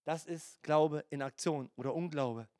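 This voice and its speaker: A man's voice: a little high, unhurried, dark tone, no room sound, clean studio sound. A man preaching a sermon as pastor, breaking into playful acted asides and mimicry.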